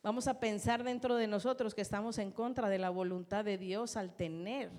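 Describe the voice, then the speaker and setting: A woman's voice: mid-range voice, steady tone, normal speed, darkish tone. A woman pastor preaching a sermon, reading scripture with emphasis and turning to the congregation with asides. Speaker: pastor and teacher.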